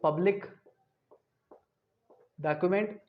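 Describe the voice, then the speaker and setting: Slow and high-pitched, a Pakistani-accented man delivers a didactic law lecture in which he raises questions and answers them himself. He alternates Urdu with English terms, and the lecture recording sounds dull and lo-fi.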